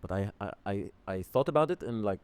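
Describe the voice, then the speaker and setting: A man from Syria, a podcast host who talks in an earnest, reflective way and often pauses to search for words. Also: lowish voice, lively intonation, darkish tone, clean tone, no room sound. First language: Arabic.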